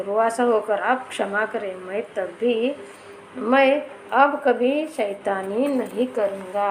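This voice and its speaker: A woman's voice: on the high side, darkish tone, a little hiss or hum, rough recording. A woman teacher explaining a school story to children, reading each line and then repeating it with a question.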